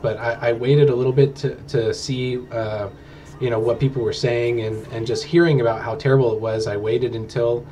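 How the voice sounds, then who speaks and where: A man with a mid-pitched voice hosts a casual panel chat. He talks haltingly, feeling his way with frequent ums. There is faint noise behind him. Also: dark tone. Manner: hesitant, halting delivery with many ums. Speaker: host of a gaming discussion show.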